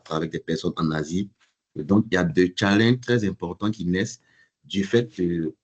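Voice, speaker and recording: A man with a very deep voice gives formal opening remarks at an online webinar. He speaks deliberately, hesitating and repeating words as he works through his thoughts. He sounds like he is on a computer mic during a video call. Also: a little mellow. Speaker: chapter president giving opening remarks.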